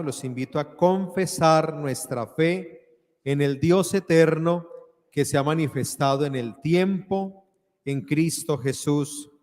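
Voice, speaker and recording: Man, priest, solemn liturgical speech, measured declamation, medium pitch, long cathedral echo. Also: a little mellow. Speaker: priest presiding at Mass. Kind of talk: solemn liturgical homily and prayer. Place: large church, live Mass. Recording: echoey church hall with long reverb.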